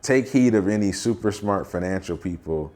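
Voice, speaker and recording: Speaking to camera, an American due diligence advisor and quality of earnings provider tells the story of a case emphatically and colloquially, performing snippets of dialogue along the way. He has a low-pitched, mellow voice with lively intonation and a moderate pace.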